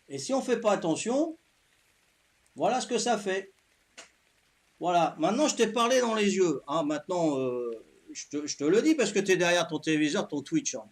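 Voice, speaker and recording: A man in his fifties with a Corsican accent, chatting calmly to his viewers during a live game stream, tagging his sentences with "hein" and repeating himself. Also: sits high. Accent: Corsican French. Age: 50s. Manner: calm, unhurried, talks to chat while playing.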